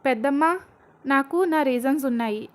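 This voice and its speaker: A woman's voice: high-pitched, normal speed, close to an everyday voice. Woman doing a young guy, firm n clipped, keeping his temper down. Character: firm, restrained young husband.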